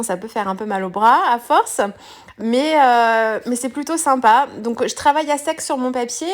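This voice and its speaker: Walking viewers through a craft project, this presenter has a slightly higher-than-average voice and a casual, unscripted style. She hesitates often, filling gaps and restarting sentences mid-task.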